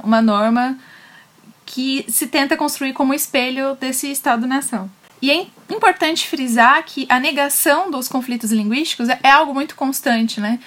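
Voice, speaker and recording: A woman's voice: sits high, fairly bright tone. A woman with a Brazilian accent giving an explanatory academic talk. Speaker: panel speaker on linguistics.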